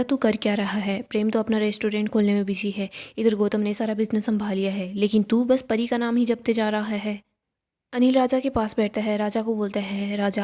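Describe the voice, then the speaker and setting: A woman with a somewhat high voice retells a family TV serial as a spoken story. She reads every character's lines in her own plain voice instead of acting them out. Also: mellow. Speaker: serial recap narrator.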